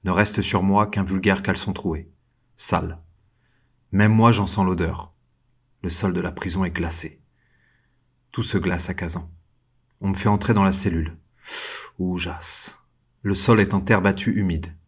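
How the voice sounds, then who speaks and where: Low husky male drama narrator. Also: steady tone, a little slow, long pauses. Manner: hushed, tense, short clipped sentences. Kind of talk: scripted first-person audio drama narration.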